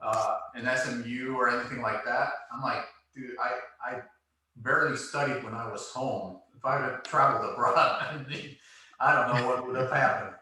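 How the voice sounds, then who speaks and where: A man's voice: mid-range voice, normal speed, bright, forceful tone. A male podcast host chatting in a laid-back, self-deprecating way and laughing easily. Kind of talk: casual chat. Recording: very echoey room, far from the mic, faint noise.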